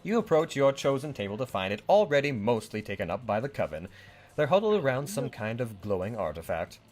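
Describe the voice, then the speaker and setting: A young let's-play host chats with friends while gaming, his medium-pitched voice bouncing lively up and down at a fairly quick pace. He rambles, sounds unsure of himself, laughs a lot, and reads the on-screen story text aloud. Faint music plays in the background.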